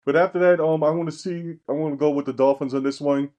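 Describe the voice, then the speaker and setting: A man's voice: a little high, steady tone, fast talker, lo-fi sound. A man on a sports betting podcast panel, loose and joking, meandering through his picks over a weak connection. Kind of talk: casual sports betting chat. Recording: faint remote connection.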